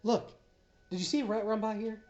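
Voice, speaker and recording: A woman's voice: medium pitch, steady tone, a little fast, a little mellow, soft background music, natural voice. A woman voicing a tiny, stubborn rabbit who never grew up, talking bluntly and insistently. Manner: blunt, insistent, easily confused. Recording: slightly dull lo-fi audio.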